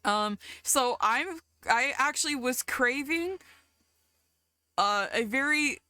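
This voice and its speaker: Giggly woman streamer, bright voice. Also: high-pitched, slow, clear, resonant tone, no room sound, clean studio sound. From American South. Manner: giggly, chatty, easily excited. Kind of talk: casual chat with live chat.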